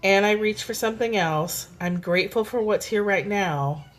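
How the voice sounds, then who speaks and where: A woman with a mid-range voice goes live from home via phone, kids heard nearby. Taking her time, she reads the day's spiritual passage, talks it over calmly, and welcomes viewers by name.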